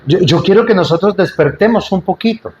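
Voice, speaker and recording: Expressive and fairly quick, a man with a fairly high, slightly mellow voice preaches in church, repeating phrases and firing rhetorical questions at the congregation while tossing in small jokes and asides. The recording has its highs cut off and carries a little hiss or hum.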